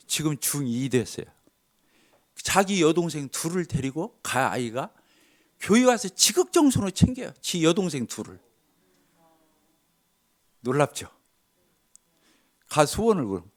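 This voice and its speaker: A man's voice: a little high, a little slow, long pauses. A middle-aged male pastor tells stories from his church in a sermon and acts out the dialogue. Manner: animated, acts out dialogue with shifts of voice. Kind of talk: sermon storytelling.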